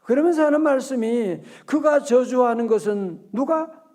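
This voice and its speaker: With an extremely high pitch, a male pastor leads an early-morning prayer service, keeping things lively and conversational. Questions to the congregation come often, and he reads scripture slowly aloud.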